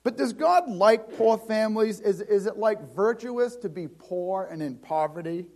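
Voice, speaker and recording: A man preaching a sermon in a conversational way, often restarting and repeating words, and slowing down with a lower voice for scripture. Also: lively intonation, a little mellow.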